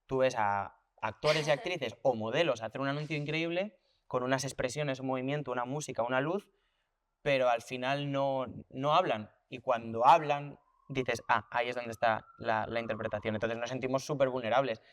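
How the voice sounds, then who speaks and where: A man talks through his ideas in a relaxed interview. His mid-range voice is reflective and full of concrete examples. It sounds dry, with little room echo. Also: mid-range voice, normal speed. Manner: reflective, thinks aloud with restarts and repetitions; explains with hands-on examples and comparisons. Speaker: voice teacher and actor. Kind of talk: conversational interview.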